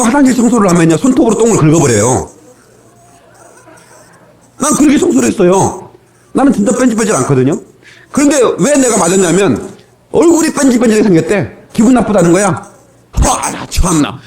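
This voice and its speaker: Animated Korean pastor preaching from old tape. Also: male voice, sits high. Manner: animated storytelling with rhetorical questions to the congregation. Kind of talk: sermon. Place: church sanctuary. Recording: old cassette tape recording.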